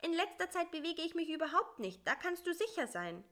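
A woman voicing a small, lonely, chatty male fly in a storybook reading, with a high, quick, plaintive voice. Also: sing-song, pushed and bright, exaggerated voice.

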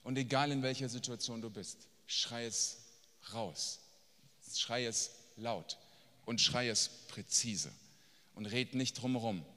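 Blunt, bright-voiced preacher in a reverberant hall. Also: male voice, mid-range voice, slow. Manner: emphatic and blunt, swinging from quiet asides to near-shouting. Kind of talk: sermon. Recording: long reverb of a large hall.

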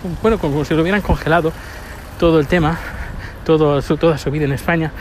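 A man's voice: a little high, fairly even intonation, fast talker, darkish tone. A man from Spain with a Spanish accent, hosting a casual spoken diary and rambling with restarts as he walks outdoors. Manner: chatty, rambling, with frequent restarts. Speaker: podcast host. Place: outdoors on a city street, walking. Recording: street noise while walking.

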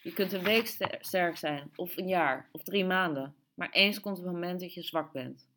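A woman's voice: on the low side, normal speed, fairly bright tone, slight background noise, natural voice. A woman voicing a weary young woman who pours out her reasons in a long, tired flood. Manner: long tired pleading outpouring.

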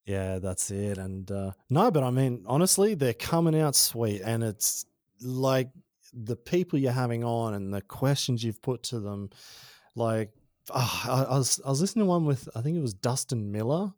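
Relaxed Australian man, dry close sound. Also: medium pitch, moderate pace, dry recording. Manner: relaxed, rambling, slangy. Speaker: podcast guest, former freestyle motocross rider. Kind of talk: casual conversation.

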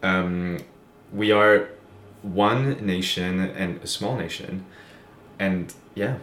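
French-accented young man, low voice. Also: very slow, a little hiss or hum. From France. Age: young adult. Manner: relaxed, chatty, laughs easily. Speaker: podcast co-host. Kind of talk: casual chat. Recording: echoey room.

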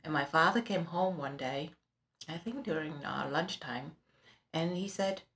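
A middle-aged Vietnamese-accented realtor recounts her life story in a conversational interview, halting often with fillers and restarts. Her voice is low-pitched and a bit bright, recorded in an office with background noise.

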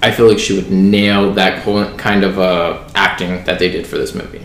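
A man's voice: sits low, flat delivery, normal speed, fairly bright tone, slight background noise. Blunt casual man, roomy echo. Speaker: podcast co-host. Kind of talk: casual film podcast chat. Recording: roomy echoey room.

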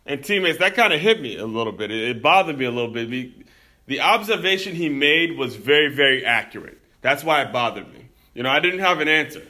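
A young American man hosts a podcast and tells a personal story in an earnest, reflective monologue. His voice is bright and forward. He speaks straight to his listeners. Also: medium pitch, animated, brisk. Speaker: podcast host.

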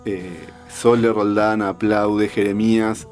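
A man's voice: fairly low pitch, level tone, slow pace, a little mellow, soft background music. A man hosting a casual radio show, chatty and joking as he reads out listener messages. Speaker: radio host and criminology lecturer.

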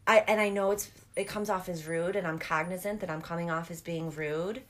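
A woman with vocal fry and a lisp, chatting casually and candidly, in a self-deprecating way. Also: fairly low pitch, steady tone, a little fast. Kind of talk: casual chat.

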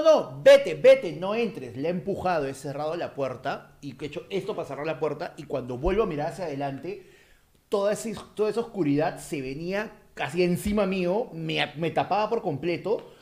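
Peruvian male co-host, high and lively, storytelling in casual chat. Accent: Peruvian Spanish. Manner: expressive, acts out screams and quoted lines.

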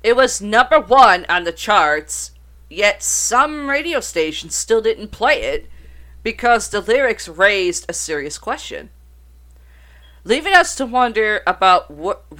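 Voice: medium pitch, very animated, takes it slowly, pushed and bright. Profane podcast host riffing over notes. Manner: reads out notes, then swears and riffs. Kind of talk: casual uncensored podcast commentary.

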